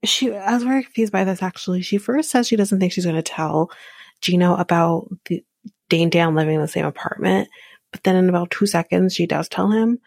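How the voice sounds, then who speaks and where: A woman's voice: lowish voice, fairly quick, gravelly, darkish tone, no room sound. A young woman hosting a podcast, recapping a reality show in a casual, opinionated, chatty way, full of "like" and "um" and laughing at her own asides. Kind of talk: casual chat.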